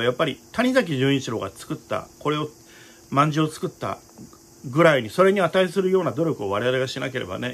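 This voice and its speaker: A man's voice: mid-range voice, creaky, slight background noise. A man hosting his own talk show about opera, speaking in a rambling, earnest way with many fillers. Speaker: opera director and show host. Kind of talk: casual talk to viewers.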